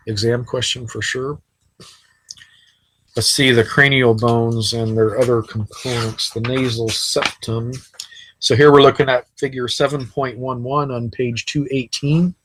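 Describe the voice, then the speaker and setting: A man's voice: medium pitch, flat delivery, a little slow, fairly bright tone, no echo, rough recording. A man teaching anatomy in a casual, chatty recorded lecture over slides, with frequent fillers. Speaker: anatomy instructor. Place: sitting while recording.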